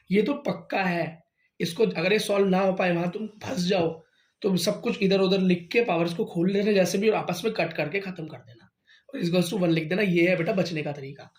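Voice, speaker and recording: A man's voice: high voice, fairly even intonation, normal speed. Guy tutoring maths at home, patient, keeps asking if u got it, echoey room. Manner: patient, keeps checking understanding, calls the student "beta". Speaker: maths teacher. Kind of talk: tutoring a student at a whiteboard. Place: teaching at home.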